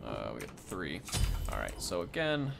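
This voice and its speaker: A young man with a low voice hosts a gaming video, his pitch swinging hugely as he talks at a moderate pace over music. His commentary is casual, rambling, and unscripted, thinking aloud, with game sounds clearly in the background.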